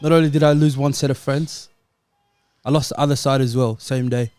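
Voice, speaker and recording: A man co-hosting a football podcast performs a mock-sad comic monologue for his friends with a plaintive, melodramatic delivery. His medium-pitched voice is smooth, slightly mellow, fairly even in intonation and a little fast, with soft background music.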